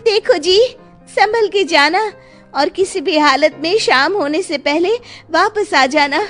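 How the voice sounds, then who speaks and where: A woman's voice: very high-pitched, unhurried, fairly bright tone, soft background music, pitched above the performer's own voice. A woman voicing an anxious, caring village wife with a cautioning, pleading manner in an audio story. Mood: worried.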